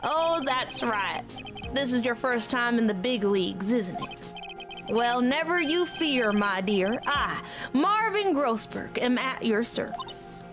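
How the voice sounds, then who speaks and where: A woman's voice: on the high side, very animated, slow, over music. Woman putting on a pompous older lawyer. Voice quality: pompous, fussy.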